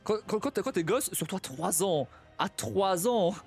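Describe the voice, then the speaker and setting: A young man of Portuguese family chats casually on a live stream, stumbling and restarting as he thinks aloud, with plenty of repeats and frequent laughter. His high-sitting voice has lively intonation and is a little mellow, with faint music behind him.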